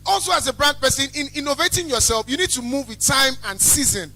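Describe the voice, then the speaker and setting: Soft music plays behind a young Nigerian man whose voice is high-pitched, bright, gravelly, loud, and carrying. He talks at a quick pace, giving students a motivational speech as the guest owner of a small chops business. His delivery is blunt and emphatic, repeating phrases for effect.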